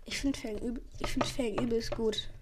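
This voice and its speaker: Excitable high-voiced woman gaming. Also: moderate pace, heavy background noise. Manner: excitable, swears, uses youth slang; sometimes drops to a whisper. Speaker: gaming channel host. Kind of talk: live gameplay commentary. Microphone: headset or desk mic.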